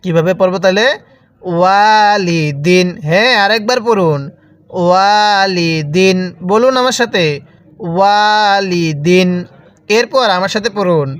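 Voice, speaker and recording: A man's voice: high-pitched, fairly bright tone, no room sound. A man teaching Quran reading, spelling out letters and drawing out each sound for learners to repeat. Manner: slow drawn-out recitation of letters. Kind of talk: spelling lesson with call-and-repeat.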